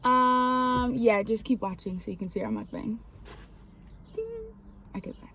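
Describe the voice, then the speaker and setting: A woman's voice: a little high, measured pace, creaky, pushed and bright, slight background noise. A woman chatting playfully in a casual mukbang vlog, recorded inside a car. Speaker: vlogger. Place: parked car.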